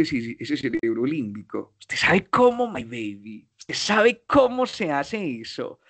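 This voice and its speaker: A man with a Colombian accent giving a motivational talk in a playful, slangy way, asking himself questions and answering them. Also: on the high side. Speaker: speaker.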